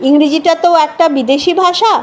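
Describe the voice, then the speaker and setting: High-voiced woman teaching with a Bengali accent. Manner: patient, repeats sounds slowly, mixes English into Bengali. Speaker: English teacher. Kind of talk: explanatory lesson.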